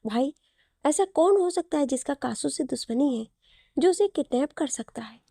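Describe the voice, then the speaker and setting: A woman's voice: high-pitched, animated, normal speed, creaky, mellow, no echo, clean studio sound. An anxious young sister, read by a woman. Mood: worried. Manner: pleading, worried questions.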